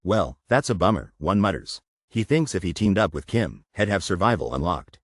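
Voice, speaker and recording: A man's voice: low voice, big pitch swings, normal speed, husky, dry recording, studio quality. A man narrating a comic recap as scripted voice-over, wisecracking with playful asides.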